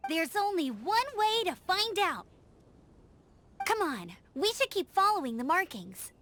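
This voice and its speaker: A woman's voice: very high-pitched, sing-song, unhurried, a bit bright, slight background noise, exaggerated voice. A woman voicing an eager young girl scout in video game dialogue, earnest and upbeat as she urges others on. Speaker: outrider.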